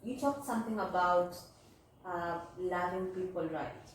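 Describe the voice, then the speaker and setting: A woman's voice: on the low side, a little slow. A woman hosting a casual, chatty interview, addressing viewers directly in an encouraging way. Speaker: interviewer, host. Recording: echoey room, distant mic, faint noise.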